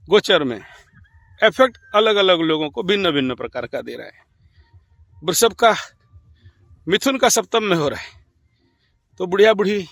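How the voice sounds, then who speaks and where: Animated high-voiced Indian astrologer man. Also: dry recording. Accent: Indian Hindi. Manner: animated, rambling, laughs at own anecdotes. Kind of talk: informal astrology talk.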